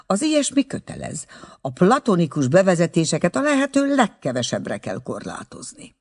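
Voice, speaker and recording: Male reader as bashful young doctor, earnest, husky tone. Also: high voice, huge pitch swings, voice pushed up, exaggerated voice.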